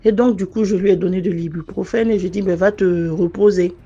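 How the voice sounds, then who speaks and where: A woman recounts her own experience in an unscripted, conversational way at a medium pitch. She is earnest and a little hesitant, often pausing and restarting her sentences as she goes. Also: steady tone, warm tone, slightly rough, muffled recording. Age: adult mother. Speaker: listener sharing a personal testimony. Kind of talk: casual first-person storytelling.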